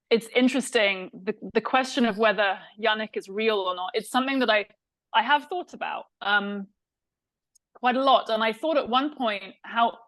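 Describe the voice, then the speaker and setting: A woman's voice: mid-range voice, fairly bright tone, no room sound, poor audio. A woman from England with an English accent, a film director answering interview questions thoughtfully, with many fillers and restarts.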